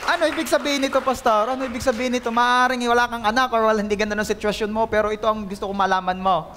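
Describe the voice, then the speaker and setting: A man's voice: very high voice, flat delivery, racing, noisy background. A male pastor giving an emphatic sermon, calling on the congregation to repeat after him and mixing Tagalog with English.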